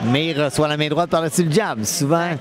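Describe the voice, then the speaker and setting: A man's voice: fairly high pitch, a little fast. Quebec man commentating boxing over crowd. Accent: Quebec French. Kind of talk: live sports commentary, conversational. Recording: event crowd noise behind voice. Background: crowd at boxing event.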